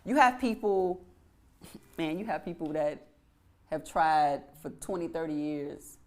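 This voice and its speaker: A young adult woman musician telling stories in a casual interview, animated and repeating phrases for emphasis. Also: deep voice, unhurried. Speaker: guest musician.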